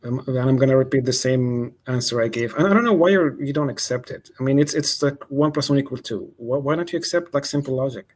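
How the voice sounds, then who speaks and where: A man's voice: medium pitch, quick pace, few pauses. A man on a call-in debate stream, arguing his point insistently. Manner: insistent, argumentative. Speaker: caller.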